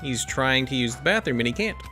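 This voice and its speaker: A man's voice: mid-range voice, lively intonation, a little fast, pushed and bright, soft background music. A man playing a game and reading its dialogue aloud in shifting tones, with wry casual asides between lines. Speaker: let's play streamer.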